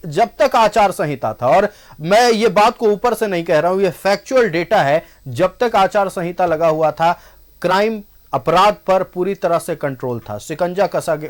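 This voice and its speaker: Brief: high male voice, TV debate anchor, brisk and steering. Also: lively intonation. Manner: brisk, steering, cuts in to ask questions. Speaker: news anchor. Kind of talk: TV debate moderation.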